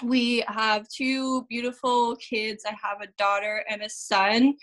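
A woman's voice: fairly high pitch, flat delivery, takes it slowly, a bit bright. A woman from the Netherlands, in her thirties, chatting as a podcast guest, with many fillers and frequent laughs. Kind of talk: casual interview chat.

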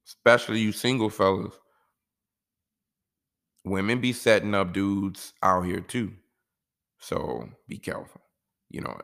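A man's voice: fairly low pitch, gravelly, a bit bright. A man talking casually and giving life advice in a laid-back, rambling way, often saying "you know".

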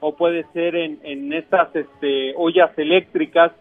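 High-voiced Mexican man, radio chef. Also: steady tone, slow pace, no echo, narrow, tinny audio. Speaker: chef giving radio cooking tips. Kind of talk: casual explanation and chat.

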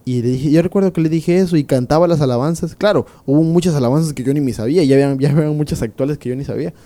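Young man, casual testimony, very dark tone, drops to hushed tones when moved. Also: fairly high pitch, racing. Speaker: interviewee sharing a conversion testimony.

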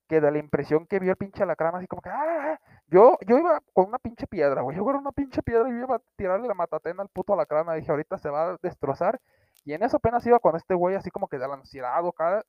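A man's voice: high-pitched, dry recording. A young Mexican man with a Mexican accent, telling a funny story in slangy casual chat, acting out quotes with sudden shrieks. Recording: dry, dull lo-fi sound.

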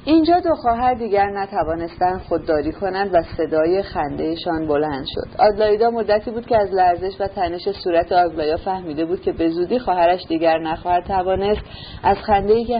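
A woman narrating a novel as an audiobook, in a measured storytelling manner. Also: lowish voice, expressive. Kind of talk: literary audiobook reading. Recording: muffled recording with faint hiss.

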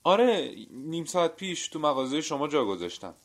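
A man's voice: on the low side, lively intonation. A man voicing a flustered, forgetful middle-aged clerk who pleads and scolds himself in an audio story. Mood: upset. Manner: agitated, pleading and self-scolding.

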